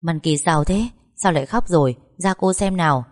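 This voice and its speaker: A woman reading the lines of a shy, humble young housekeeper who speaks softly and apologetically. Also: fairly low pitch, moderate pace, close to an everyday voice. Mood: soothing. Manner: soft and apologetic.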